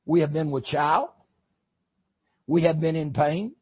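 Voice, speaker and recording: A man preaching an impassioned sermon, swinging from shouting to low, intense talk. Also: measured pace, husky, muffled recording. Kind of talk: fiery sermon.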